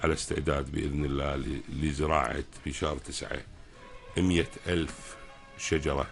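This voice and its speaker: A man with a Kuwaiti Gulf Arabic accent explaining things as a guest expert on a radio talk, pausing to search for words. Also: extremely low pitch, flat delivery, vocal fry, faint music behind.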